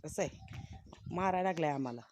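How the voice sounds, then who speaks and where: Lady vlogging on her farm, lowish voice, chatty, little hiss behind. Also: quick pace, darkish tone. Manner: chatty, talks to viewers and scolds the animals. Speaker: village vlogger. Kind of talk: casual farm vlog narration. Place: outdoors on a farm with goats and chickens.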